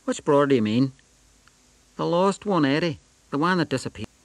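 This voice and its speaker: A male reader voicing older men gossiping at a funeral, in a slow, sing-song chant full of dialect phrases. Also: a little high, expressive, no room sound, voice pushed up. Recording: dry close studio sound.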